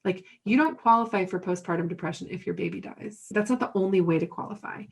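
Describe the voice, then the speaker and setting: A woman in her thirties telling her own parenting story candidly, animated and often laughing. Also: medium pitch, fast talker, gravelly, slightly rough. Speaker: podcast guest.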